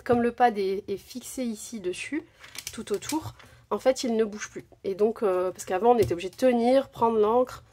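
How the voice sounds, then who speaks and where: A crafting channel host sits at her home craft desk, casually showing off her craft purchases in a haul vlog. Her voice is on the high side with a darkish tone, and she chats along with lots of fillers and self-corrections against slight background noise.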